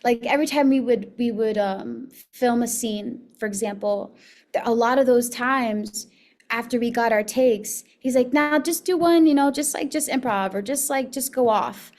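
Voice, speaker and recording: A young actress from Miami talks casually as an interview guest, her voice sitting a little high. She chats freely, laughs often and leans on fillers like "you know what I mean.". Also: moderate pace, darkish tone. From Miami, United States.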